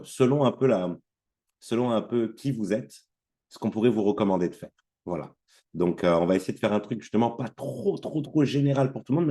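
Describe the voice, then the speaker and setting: A man with a low, mellow voice leads an online training session. His throat is sore. He talks casually, stopping often with fillers and restarts. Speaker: trainer presenting an affiliate platform.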